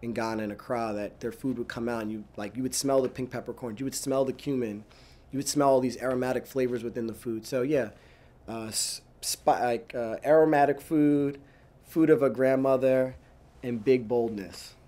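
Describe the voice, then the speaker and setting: Chatty young chef, quick restarts. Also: male voice, medium pitch. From New York, USA. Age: 30s. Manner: animated, talks fast with many "like"s and restarts. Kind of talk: casual interview answers.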